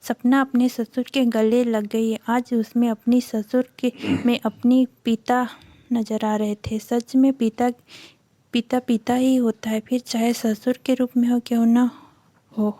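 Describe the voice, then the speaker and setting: Even-voiced woman storyteller. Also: fairly high pitch, no room sound. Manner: calm, measured moral storytelling. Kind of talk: scripted narration.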